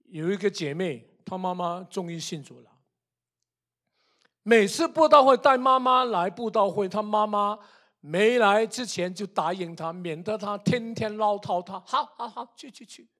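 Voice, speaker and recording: Emphatic high-voiced older preacher. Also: male voice, unhurried. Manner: emphatic, repetitive rhetorical questions; swings from soft asides to loud outbursts. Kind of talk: sermon.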